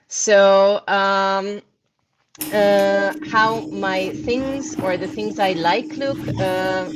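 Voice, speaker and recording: A woman's voice: mid-range voice, poor audio. A woman from Hungary, a guest speaker answering questions casually with many hesitant fillers.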